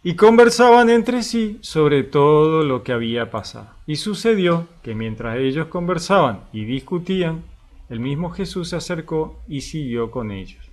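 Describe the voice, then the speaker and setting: Speaking at normal speed in a voice on the high side, an Argentine Spanish-accented man teaches scripture conversationally. He reads passages aloud, then remarks on them in a lively way, tacking on questioning tags and long drawn-out fillers.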